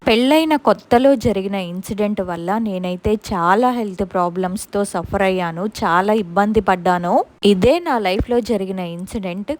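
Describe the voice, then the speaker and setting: Woman earnestly telling a ghost story. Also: mid-range voice. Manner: earnest, conversational retelling. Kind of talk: first-person ghost story narration.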